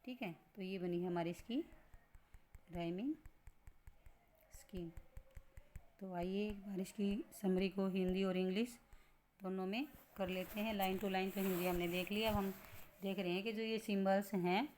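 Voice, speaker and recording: A woman teaching a lesson. She explains slowly and patiently, repeating points and asking rhetorical questions. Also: medium pitch, steady tone, a little mellow, slight background noise.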